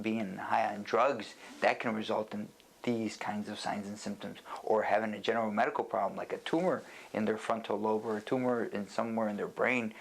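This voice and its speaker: Delivering an unscripted educational lecture as a doctor, a man uses a fairly low, gravelly voice. His explanations are plain-spoken, and he speaks in a slow, halting, deliberate way.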